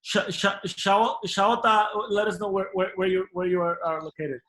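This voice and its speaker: Host: man, slightly high voice, halting Q&A moderator on a video call, echoey room. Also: a bit bright. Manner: switches between English and Spanish, halting.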